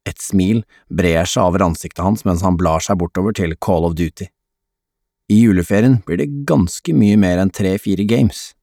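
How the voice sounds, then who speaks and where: Male audiobook narrator, lowish voice, calm storytelling, dry close recording. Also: no room sound. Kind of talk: scripted narration.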